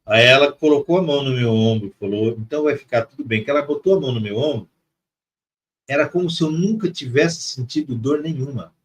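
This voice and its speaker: A man's voice: medium pitch, lively intonation, fairly quick. A middle-aged man from Mato Grosso telling a personal spiritual story with feeling, repeating words for emphasis. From Mato Grosso, Brazil. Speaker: guest on a spirituality live stream.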